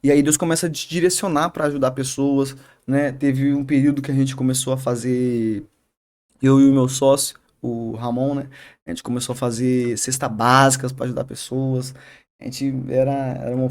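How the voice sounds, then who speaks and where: A man, a barber and youth leader, telling his faith story in a podcast interview, halting often and tagging sentences with "né?". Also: mid-range voice, a little mellow. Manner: halting, many restarts and "né?" tags. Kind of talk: emotional testimony in casual interview.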